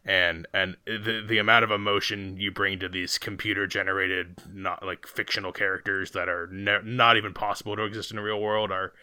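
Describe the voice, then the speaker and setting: Bright, crisp-voiced man chatting about film. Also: lowish voice, fairly quick, hardly any pauses, no echo. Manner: rambling, animated retelling with quoted asides. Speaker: podcast co-host reviewing a film. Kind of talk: casual film review chat.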